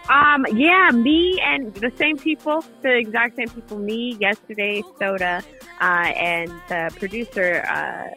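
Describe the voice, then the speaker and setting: A woman singer being interviewed in a casual chat, bubbly and excitable, laughing often as she talks about her music. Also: fairly high pitch, a little slow. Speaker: singer guest.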